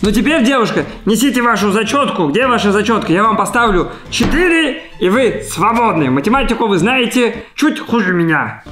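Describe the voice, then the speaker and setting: A man's voice: high-pitched, animated, a little fast, hardly any pauses, a bit bright, soft background music. A man playing a self-important male math professor in a comic home role-play, pompous and theatrical, in a living room. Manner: pompous, theatrical, bursts of laughter. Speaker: dad playing a teacher for his daughter. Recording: roomy echoey living room.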